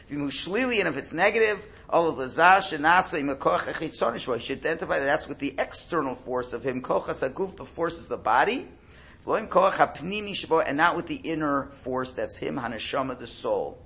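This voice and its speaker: A man with a fairly high, forceful voice teaches as a rabbi, reading a religious text and putting it into plain words. His speech is slightly off, as with a cold sore in the mouth, and he explains by restating each phrase. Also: animated, a little fast. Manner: explanatory, repeats phrases in translation. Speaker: rabbi giving a class. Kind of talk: religious text lesson, reading and translating aloud.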